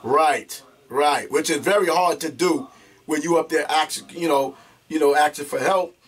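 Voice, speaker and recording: A man's voice: on the high side, a little slow, husky. A man hosting an interview, interjecting and probing with religious terms. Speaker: host.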